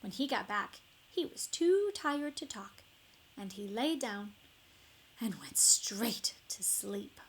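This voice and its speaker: A woman narrating a children's story expressively, with deliberate dramatic emphasis. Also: mid-range voice, expressive, poor audio. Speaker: storybook reader.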